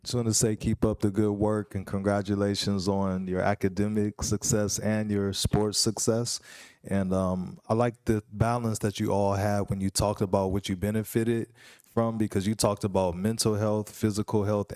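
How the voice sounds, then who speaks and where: A man on a school board giving measured remarks of praise at a meeting. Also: fairly low pitch, little pitch movement, a little mellow, clean tone, dry recording, studio quality. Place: district board meeting room.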